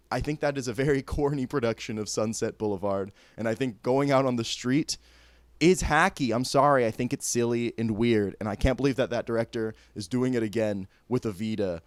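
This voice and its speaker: A man's voice: medium pitch, normal speed, no echo. A man chatting casually and candidly as a vlogger, joking, laughing mid-sentence and stumbling over restarts. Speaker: vlogger reviewing theater shows. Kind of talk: casual opinionated chat.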